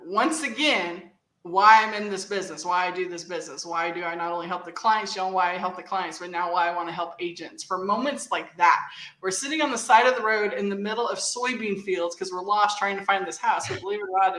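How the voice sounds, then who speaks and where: Woman, host, bright clear voice, animated storytelling, echoey room. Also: medium pitch. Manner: animated storyteller, laughs easily. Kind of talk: casual chat.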